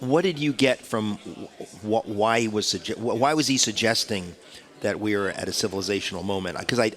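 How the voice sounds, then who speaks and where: In a radio studio, a man with a cold hosts a talk show, his voice stuffed-up, on the low side, and a bit bright. The casual interview chat is rambling and chatty, full of restarts.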